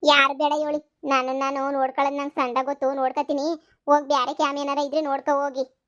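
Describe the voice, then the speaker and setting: A woman voicing a sharp-tongued pregnant young village wife in a cartoon comedy, who scolds and snaps back. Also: high voice, little pitch movement, muffled recording. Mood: dismissive. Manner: scolding, quick retorts.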